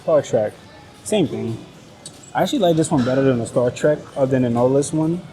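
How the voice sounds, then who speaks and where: This Nigerian fitness vlogger is brisk, with a medium-pitched, dark-toned voice and faint music behind him. He speaks English as his second language with a Nigerian accent, chatting to the camera mid-workout with slang, jokes and the occasional profanity. His clip-on body mic also picks up chatter in the busy indoor gym.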